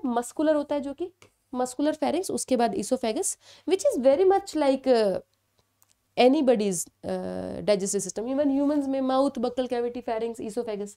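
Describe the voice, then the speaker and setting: A young woman biology teacher gives an exam-prep lecture in a fairly high, mellow voice at a moderate pace. She explains things step by step, asks her students questions, and checks in with them often.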